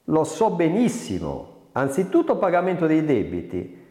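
A man's voice: on the high side, huge pitch swings, moderate pace, warm tone, pitched above the performer's own voice. A man voicing a pompous, self-satisfied middle-aged bachelor in a book reading. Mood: boastful. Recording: echoey reverberant room.

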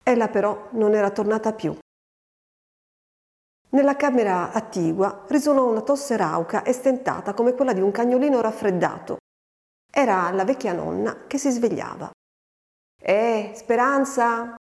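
Woman reading a story in a reverberant hall. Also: a little high. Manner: measured, expressive storytelling. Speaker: narrator. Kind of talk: literary audiobook reading.

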